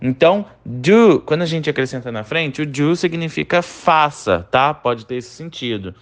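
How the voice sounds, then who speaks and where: A man teaching an English lesson, explaining imperative rules and slowly repeating example sentences with emphasis. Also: a little high, expressive. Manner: frequent tag questions like né and tá. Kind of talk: recorded online lesson.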